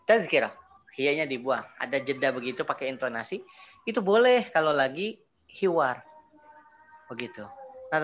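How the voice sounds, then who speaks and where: A man's voice: fairly high pitch, lo-fi sound, a little hiss or hum. A man teaching Arabic in an online class, explaining patiently and stressing each Arabic word. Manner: explains patiently, repeats terms, lively emphasis on Arabic words.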